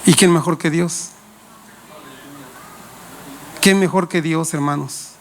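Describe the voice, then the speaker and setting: A man's voice: on the high side, fairly even intonation, normal speed, a little hiss or hum. A male pastor, preaching a sermon with playful anecdotes and questions to the congregation. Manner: playful, laughs while telling anecdotes.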